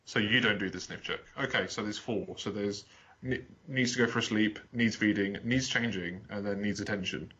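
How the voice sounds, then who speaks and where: A man's voice: fairly low pitch, normal speed, a bit bright. A man co-hosting a podcast, chatting casually with joking, crude humour. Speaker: podcast co-host. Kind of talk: casual chat. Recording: dull lo-fi podcast audio.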